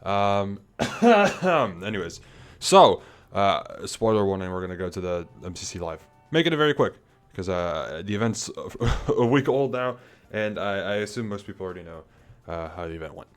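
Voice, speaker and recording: A man's voice: low-pitched, sing-song, normal speed, soft background music. A man talking as a YouTuber reviewing a gaming event, slightly out of breath, rambling casually with lots of fillers and restarts. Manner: loose, chatty, full of fillers and restarts.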